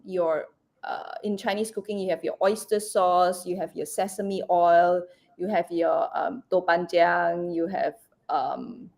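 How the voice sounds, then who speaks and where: A woman's voice: on the low side, vocal fry, a little mellow. A woman chef chatting as an interview guest, rambling with lots of fillers and restarts, breaking into laughter. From Asia, Cantonese-speaking region. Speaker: raw food chef and cookbook author, guest. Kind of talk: casual interview chat.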